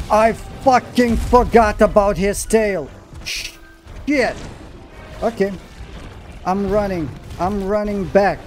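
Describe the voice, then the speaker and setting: Faint music sits behind this gamer's high voice as he commentates his gameplay live, going slowly and pausing often. He curses a lot, erupts excitedly, and addresses the monster he's battling.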